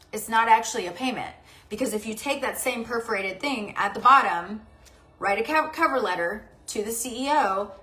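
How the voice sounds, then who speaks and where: Rambling high-voiced woman vlogger. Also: sharp tone. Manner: rambling, self-interrupting, stutters and restarts. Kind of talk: casual chat.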